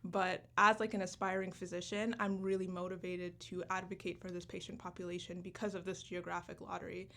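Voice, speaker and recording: As a guest on a casual radio interview, a student club founder in her twenties, raised in Canada after early years in Uganda, speaks earnestly and fast, dotting her speech with "like" and "um." Her voice is fairly low with little pitch movement, vocal fry, and a bright, forceful tone, with a little hiss or hum in the audio.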